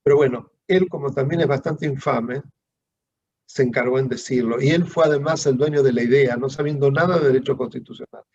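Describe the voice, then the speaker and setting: A man's voice: medium pitch, a little fast, a little mellow, breathy edge, no room sound. Indignant man, dull lo-fi sound. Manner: critical, indignant. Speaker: guest. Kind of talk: political talk show discussion.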